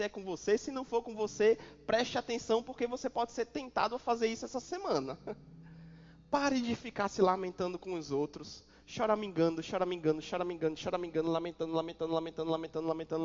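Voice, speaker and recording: High-voiced Brazilian pastor preaching in a hall. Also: male voice, lively intonation, fairly quick. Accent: Brazilian Portuguese. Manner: preaching with repetition and sudden loud emphasis. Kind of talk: sermon. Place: church hall. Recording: dull church recording with long reverb.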